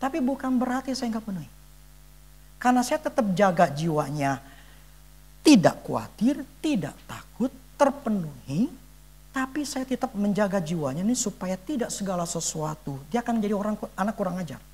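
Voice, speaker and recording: Dad sharing a testimony at church, voice jumps around a lot, earnest and emphatic, keeps hunting for words. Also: male voice, high voice, sing-song, moderate pace, a little mellow. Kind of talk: conversational sermon testimony.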